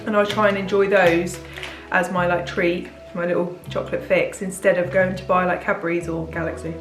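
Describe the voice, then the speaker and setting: A woman's voice: fairly low pitch, flat delivery, fairly quick, reverberant, faint music behind, poor audio. A British woman in her thirties chatting candidly in a casual food vlog from her home kitchen, laughing easily as she talks. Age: 30s. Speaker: diet plan consultant and vlogger.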